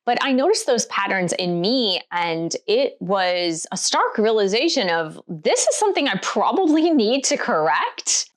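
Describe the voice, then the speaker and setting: A middle-aged woman with a medium-pitched, slightly hoarse voice hosts her own author vlog. Talking to the camera, she speaks candidly and reflectively about her past relationships.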